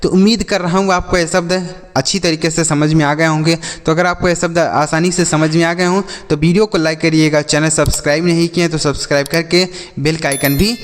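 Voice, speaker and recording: A man's voice: on the high side, fairly even intonation, a little fast, few pauses. A man teaching an English vocabulary lesson, spelling words letter by letter and asking questions that he answers himself. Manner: asks questions and answers them himself, addresses viewers as children. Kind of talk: classroom-style vocabulary lesson. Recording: long hall reverb.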